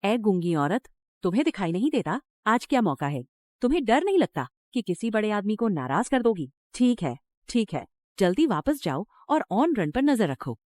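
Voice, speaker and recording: Cast a woman as a cruel middle-aged village mother-in-law, harsh and threatening, lively pitch. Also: moderate pace, no room sound, clean studio sound, natural voice. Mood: menacing. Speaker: dubbing actor. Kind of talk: Hindi drama dub.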